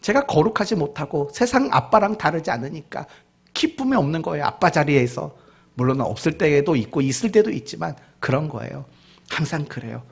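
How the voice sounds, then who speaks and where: A male pastor preaching a sermon, questioning the congregation directly and mixing in humorous family stories, going from loud to hushed. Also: fairly high pitch, lively intonation, brisk, gravelly, husky. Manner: mixes in humorous family anecdotes.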